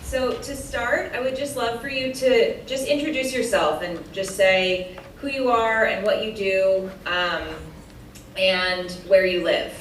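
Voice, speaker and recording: A woman's voice: medium pitch, fairly even intonation, a little slow, recorded from a distance, a little hiss or hum. A woman interviewer directing a recorded interview, encouraging and chatty, with many fillers. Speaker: interviewer and producer. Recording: roomy, off-mic with faint ambience.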